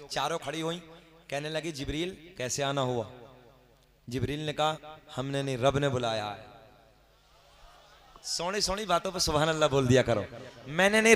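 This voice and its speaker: A male preacher with a bright, forceful voice sitting a little high for a man. He delivers an impassioned devotional sermon, moving between quiet talk and loud declaiming. He keeps urging the crowd to answer him. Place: religious gathering with a crowd.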